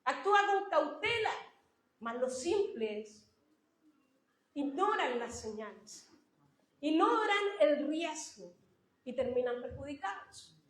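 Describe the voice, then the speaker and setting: A woman's voice: sits high, sing-song, slow, long pauses, echoey room, rough recording. A woman preaching a sermon in a church, talking to her listeners in a conversational way and stressing points by repeating them. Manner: warm conversational preaching, addressing listeners as brothers, emphatic repetitions.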